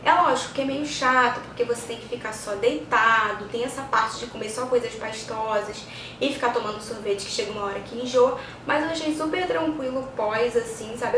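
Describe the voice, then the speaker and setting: A Brazilian woman with a fairly high voice talks casually to her viewers in an explanatory, conversational way. She sounds set back from the microphone in an echoey room, with clear noise behind her. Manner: conversational, explanatory, with frequent check-in tags. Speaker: vlogger. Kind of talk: casual chat to camera. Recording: echoey, distant mic, clear background noise.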